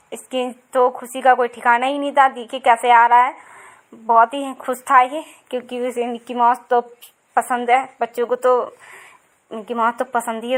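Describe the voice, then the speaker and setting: A woman in her thirties chatting casually as she narrates her vlog, rambling and repeating herself with many fillers. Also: high-pitched. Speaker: vlogger.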